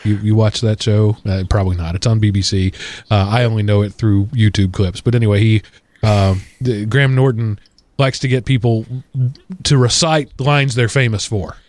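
A man's voice: on the low side, fairly even intonation, normal speed, darkish tone, no echo. A man hosting a podcast in casual chat, rambling through asides with wry, self-deprecating humor. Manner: rambling, full of asides and restarts. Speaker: podcast host.

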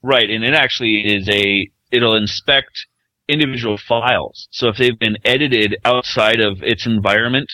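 A man co-hosting a podcast, talking casually and haltingly, his voice glitching and breaking up over a bad call connection. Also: mid-range voice, sharp tone, no room sound, rough recording. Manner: rambling, halting with many fillers. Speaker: podcast co-host. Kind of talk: casual tech chat.

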